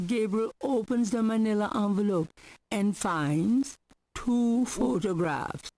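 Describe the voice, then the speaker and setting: An actress playing a wry, unhurried video game narrator with a gravelly, creaky drawl. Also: female voice, mid-range voice, dark tone.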